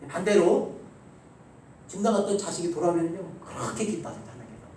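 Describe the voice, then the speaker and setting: A male pastor preaching a Sunday sermon, telling stories with emphasis and swinging between loud and soft delivery. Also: sits high, expressive, brisk, slight background noise. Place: church sanctuary. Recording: very echoey church hall, voice from far off, faint ambience.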